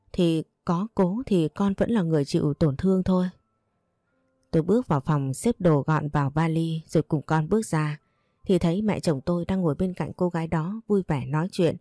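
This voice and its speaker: A woman narrating a sad first-person story in a steady, sorrowful way. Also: lowish voice, no room sound, clean studio sound.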